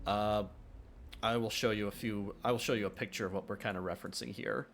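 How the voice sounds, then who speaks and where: A man's voice: on the low side, fairly even intonation, brisk, gravelly, a little hiss or hum. Rambling man streaming his game dev. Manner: rambling, full of filler sounds and restarts; jokey, reads chat questions aloud and answers them. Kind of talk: casual livestream chat. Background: faint background music.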